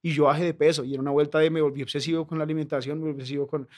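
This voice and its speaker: Colombian comedian, young man, slightly high voice, slangy profane podcast storyteller. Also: level tone, very fast, darkish tone. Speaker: comedian guest.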